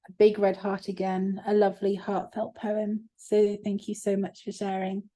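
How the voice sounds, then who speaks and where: A woman co-hosting an online arts event, her voice mellow and relaxed in tone. She speaks casually with frequent ums while reading out comments and passing to the next guest. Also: medium pitch, moderate pace. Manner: warm thanks, many ums, reading out comments. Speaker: event co-host.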